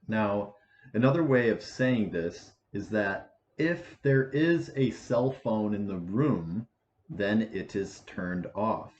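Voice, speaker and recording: A man in his twenties giving a casual math lesson, with a halting delivery full of restarts and fillers. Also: fairly low pitch, animated, a little mellow. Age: 20s. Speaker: math teacher. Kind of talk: casual lecture. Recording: echoey room, dull lo-fi sound, faint hiss.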